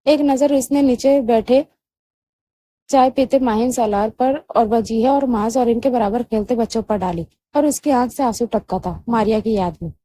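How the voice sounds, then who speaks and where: A woman with a high-pitched voice narrates a romantic novel for her channel. Her delivery is expressive and emotional, in steady audiobook storytelling. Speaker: novel reader and channel host.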